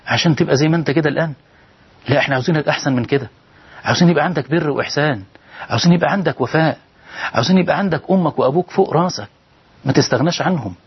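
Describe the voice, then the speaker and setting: A man's voice: medium pitch, slightly rough, muffled recording. A man with an Egyptian accent preaching on a televised call-in show, pleading and firing rhetorical questions at his listeners. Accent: Egyptian Arabic. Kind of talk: televised sermon with callers.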